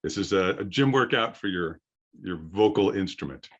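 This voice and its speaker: A middle-aged man with a deep, firm voice gives an informal workshop lecture as a voice acting coach, explaining haltingly with pauses for thought. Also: animated, lo-fi sound.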